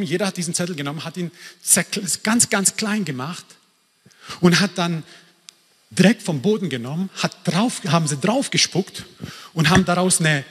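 A man preaching a sermon in a lively, emphatic way, turning to the congregation with asides. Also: on the high side, slightly rough, long reverb tail. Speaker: pastor.

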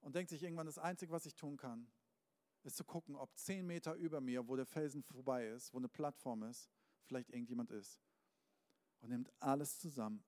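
A man's voice: mid-range voice, darkish tone. Male preacher: earnest, direct, storytelling, in a reverberant church hall. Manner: earnest, direct address to the listener. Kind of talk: sermon with storytelling. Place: large church hall with a live band. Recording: long hall reverb, faint band music.

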